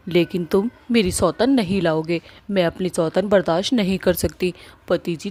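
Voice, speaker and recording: A hot-headed young wife from a cartoon story, voiced by a woman, quick to scold and threaten. She speaks at a middle pitch in a dramatic, emotional manner. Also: a little mellow, no echo, natural voice. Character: fiery jealous young wife, protective. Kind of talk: cartoon voice acting.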